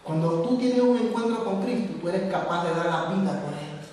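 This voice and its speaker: A man's voice: high voice, expressive, moderate pace, a little mellow, slight background noise. A man in his fifties preaching a sermon in a church, speaking with passion and turning straight to the congregation. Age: 50s. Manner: impassioned preaching, addresses the congregation directly. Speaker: pastor. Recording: very echoey church hall, mic far off.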